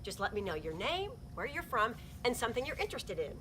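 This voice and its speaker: A middle-aged heritage interpreter leads a small group on an upbeat, encouraging guided nature talk outdoors at a ranch, a lively speaker throughout. Her voice is fairly high and fast, with a little hiss or hum in the recording.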